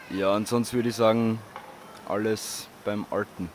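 A man's voice: lowish voice, level tone, slow pace, a little hiss or hum. A man giving casual, self-mocking answers in a street interview. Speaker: passer-by.

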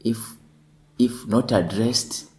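Man from Tanzania, lawyer, very low voice, unhurried, repeats words while thinking. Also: warm tone, poor audio. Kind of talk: panel discussion.

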